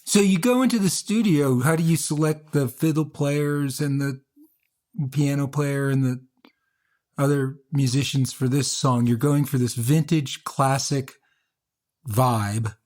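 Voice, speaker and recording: A man's voice: mid-range voice, measured pace, darkish tone. A man hosting an interview, asking curious, searching questions about music. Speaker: interviewer host.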